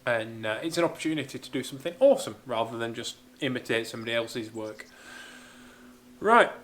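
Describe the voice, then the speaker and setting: A man's voice: medium pitch, expressive, brisk, fairly bright tone, a little hiss or hum. Chatty man answering viewer questions. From Spain. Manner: chatty, enthusiastic, thinking aloud. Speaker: car-building YouTuber. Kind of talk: casual Q&A vlog. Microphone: small camera-mounted mic.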